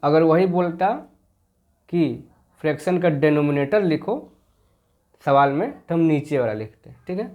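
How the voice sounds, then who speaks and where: A man teaching a children's maths class, explaining slowly and repeating each point patiently, and reading the English text aloud very slowly. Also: on the high side, animated, narrow, tinny audio. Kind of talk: explaining a school maths lesson.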